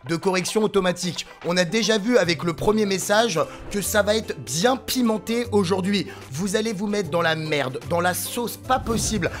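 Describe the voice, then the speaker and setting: A man's voice: high voice, moderate pace, hardly any pauses. Young man, giggly, joking host, music faint behind. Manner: laughs a lot, playful, switches voices for each texter. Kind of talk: comic reading of text messages.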